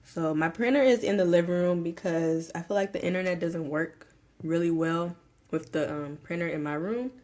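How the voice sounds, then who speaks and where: At home, a young woman who runs a small business explains a DIY craft project in a casual tutorial vlog. Her voice is lowish, a little mellow, and fairly even at a moderate pace, and she chats to viewers with lots of fillers, calling them y'all and you guys.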